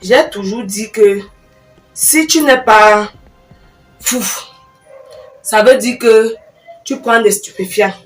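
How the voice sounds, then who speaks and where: A woman's voice: fairly high pitch, slow pace, pauses often. A woman, acting an exasperated married younger sister in a comedy sketch, scolding and lecturing emphatically. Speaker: comic actress. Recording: roomy, from a distance, faint music.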